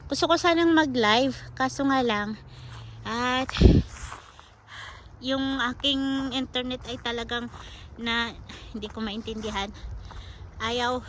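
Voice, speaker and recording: A woman's voice: fairly high pitch, slow, pauses often, a bit bright, a little hiss or hum. A woman vlogging casually to her viewers as she walks a park trail outdoors, recorded on a handheld phone. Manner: chatty, coaxing, sing-song baby talk to a squirrel. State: out of breath on an uphill stretch. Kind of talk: casual walking vlog, talking to viewers. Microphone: handheld phone camera.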